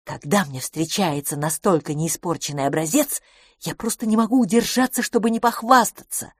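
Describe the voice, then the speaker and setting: A woman doing a boastful salon owner, brisk and loud. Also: fairly low pitch, breathy edge, dry recording, studio quality. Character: brash, confident London beauty salon owner.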